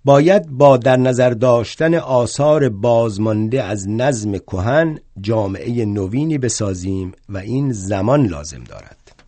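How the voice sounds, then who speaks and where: An older man playing a proud, indignant aging male revolutionary thinker in a one-man stage play, telling his story wryly and flaring into indignant shouts. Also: medium pitch, lively intonation, no room sound.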